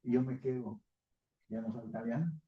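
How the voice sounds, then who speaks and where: A man's voice: medium pitch, normal speed, slightly rough, narrow, tinny audio. A man from El Salvador teaching a Sunday school class at church, speaking conversationally and often checking in with his listeners. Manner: mixes in English words.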